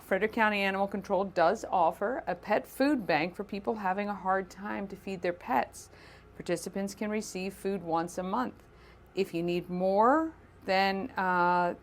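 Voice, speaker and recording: A woman's voice: mid-range voice, moderate pace. A woman hosting a local morning show, talking in an upbeat, chatty way. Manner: upbeat, chatty, coos at animals. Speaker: host. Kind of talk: morning show host segment.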